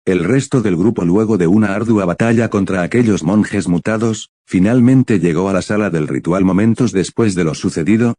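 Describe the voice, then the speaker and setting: A man's voice: on the low side, warm tone, slightly rough, dry recording, clean studio sound. A man reading scripted narration of a fantasy fan story.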